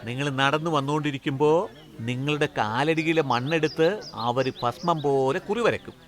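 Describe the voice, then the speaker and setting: A man's voice: on the high side, normal speed, natural voice. A man playing an anxious, fussing male film director in a dubbed film. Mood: eager.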